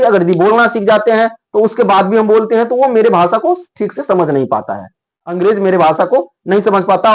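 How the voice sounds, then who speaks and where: A man with an Indian accent teaching English pronunciation, sounding out letters slowly and correcting himself as he goes. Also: high-pitched. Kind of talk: classroom pronunciation lesson.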